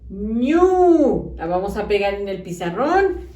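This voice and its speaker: A woman teaching children a phonics lesson, sounding out syllables slowly and clearly. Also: on the high side, very animated, recorded from a distance, highs cut off. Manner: slow, exaggerated sounding-out of syllables. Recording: echoey room, voice off-mic.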